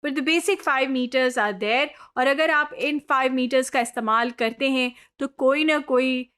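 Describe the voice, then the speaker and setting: High-voiced woman teaching an online course. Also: slow, fairly bright tone, smooth. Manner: explanatory, mixes English terms into Urdu-Hindi speech. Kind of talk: recorded lecture.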